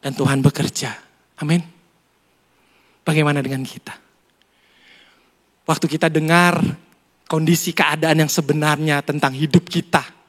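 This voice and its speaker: A man preaching a sermon to a church congregation, talking in a lively, conversational way with rhetorical questions and jokes. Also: fairly high pitch, unhurried, pauses often. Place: church hall during a Sunday service. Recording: long church-hall reverb.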